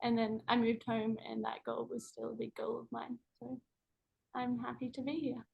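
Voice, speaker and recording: A woman's voice: fairly high pitch, little pitch movement, moderate pace, vocal fry, husky, highs cut off. A young woman giving casual interview answers as a college athlete on a video call. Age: young adult. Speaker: college basketball player. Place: indoor team room, video call.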